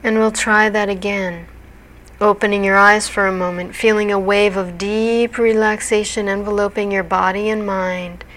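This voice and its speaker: A woman narrating a guided hypnosis relaxation in a soothing, deliberate, measured manner. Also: mid-range voice, level tone, a bit bright, low-quality recording.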